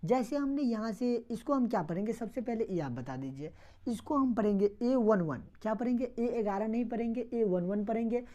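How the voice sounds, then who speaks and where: Woman teacher, soft warm voice, keeps asking and answering her own questions. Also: fairly high pitch, animated, fairly quick, dull audio. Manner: repeats questions and answers them herself, step by step. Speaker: math teacher. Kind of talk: classroom lecture.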